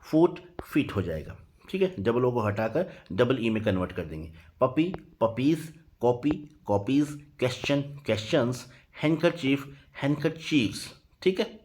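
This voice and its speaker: A patient man teaches an English grammar lesson at an even, unhurried pace. He spells each word out letter by letter. After every point he checks in with his students. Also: mid-range voice, a little hiss or hum. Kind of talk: Hindi-medium grammar lesson.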